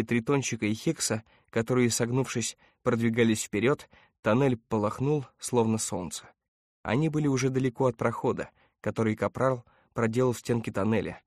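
In clean, dry studio audio, a man narrates an audiobook from a script. His medium-pitched delivery is even and measured, in a storytelling style.

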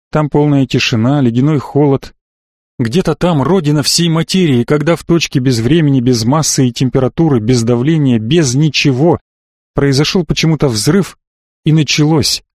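A man reads a novel aloud in a measured, even storytelling manner. His voice sits a little higher than most men's, and the recording is dry and close to the mic. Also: no echo. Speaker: audiobook narrator. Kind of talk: scripted narration.

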